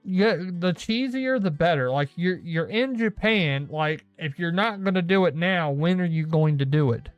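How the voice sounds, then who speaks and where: A man's voice: fairly high pitch, expressive, normal speed, few pauses, no echo, muffled recording, faint music behind. A man hosting a casual gaming news show, rambling and correcting himself as he goes. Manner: rambling, self-correcting, laughs often. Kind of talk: casual solo gaming chat.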